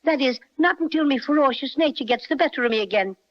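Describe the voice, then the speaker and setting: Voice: sits high, expressive, quick pace. An actor playing a small, cheerful male teddy bear with an Irish brogue, chatty and polite. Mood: friendly. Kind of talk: 1930s radio acting. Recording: dull old radio recording.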